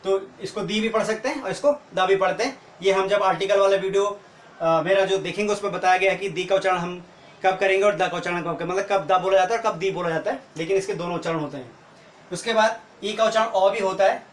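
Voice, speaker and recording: A man's voice: high-pitched, fast talker. A man teaching a video lesson, explaining step by step and often asking rhetorical questions. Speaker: English teacher. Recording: echoey room with faint noise.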